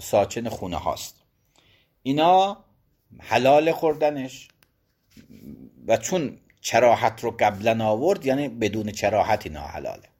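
A man's voice: medium pitch, darkish tone. A man giving a religious studies lesson. He reads out Arabic legal phrases and explains each one in Persian.

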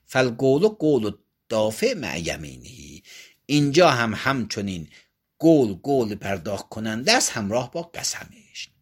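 A man's voice: medium pitch, very animated, breathy edge. A man teaching Islamic jurisprudence, reading lines of a classical Arabic text and explaining them in casual Persian, acting out both sides of each dispute. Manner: reads Arabic text aloud, then explains it in colloquial Persian.

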